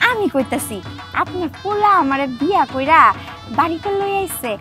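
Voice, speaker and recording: An actress playing a bold, coaxing young bride. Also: female voice, very high-pitched, expressive, moderate pace, over music. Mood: pert. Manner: pert, coaxing, bossy. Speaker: new bride.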